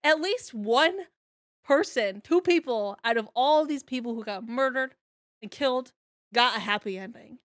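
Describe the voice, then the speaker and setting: A woman with a fairly high voice co-hosts a casual podcast chat, animated and quick to laugh, swearing freely. The sound is dry and close, with no room around it. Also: no echo. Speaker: podcast co-host.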